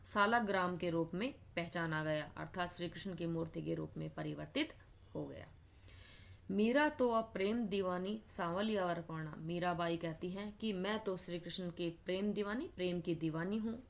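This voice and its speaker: A woman's voice: fairly low pitch, creaky. A woman teacher reciting devotional verses line by line, then explaining each word in a patient lecture. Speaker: Hindi literature teacher. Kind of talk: line-by-line poetry explanation lesson.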